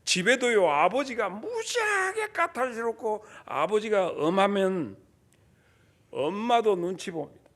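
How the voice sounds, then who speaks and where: High-voiced man preaching a folksy sermon. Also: big pitch swings, a bit bright. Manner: folksy, acts out quick voices of fathers and teachers, leads congregation responses. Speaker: pastor. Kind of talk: lively sermon.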